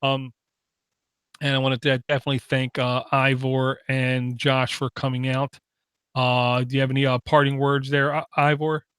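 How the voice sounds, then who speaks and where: Smooth flat-voiced man hosting a podcast. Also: mid-range voice, normal speed, no echo, clean studio sound. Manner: steady, many "uh" fillers, reads out contact details. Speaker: podcast host. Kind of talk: casual sign-off chat.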